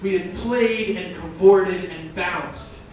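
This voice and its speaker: Slowing down, the performer at this indoor event reads comically and theatrically in a high voice with a darkish tone. He drops in mocking, incredulous asides laced with swearing. The room is echoey and noisy, the mic distant, and the crowd can be heard.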